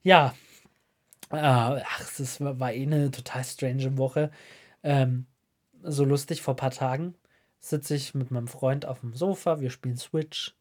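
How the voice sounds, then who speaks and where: A young woman chatting casually on a podcast, telling anecdotes in an animated way and acting out what others said. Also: very deep voice, measured pace. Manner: animated storytelling, acts out quoted lines, laughs often. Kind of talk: casual chat.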